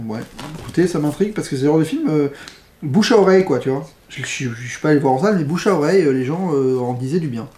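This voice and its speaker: A man's voice: medium pitch, mellow, slight background noise. Blunt, slangy man in an echoey room. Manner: blunt, slangy, rambling asides. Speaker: film critic vlogger. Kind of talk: casual unboxing commentary.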